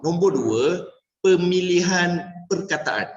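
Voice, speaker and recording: A man with a Malaysian accent runs a sales leadership workshop, mixing Malay and English and checking in with the class after almost every point. He plays out little dialogues as examples. His fairly high voice rings around a reverberant room on a dull, lo-fi recording. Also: lively intonation, slow pace, background noise. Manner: playful, acts out little dialogues. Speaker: business sales coach. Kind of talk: workshop lecture to a live class. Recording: echoey room, dull lo-fi sound.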